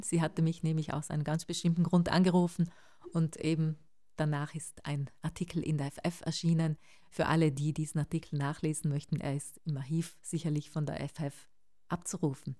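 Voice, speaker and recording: A woman hosting a radio interview and asking calm, measured questions. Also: low-pitched.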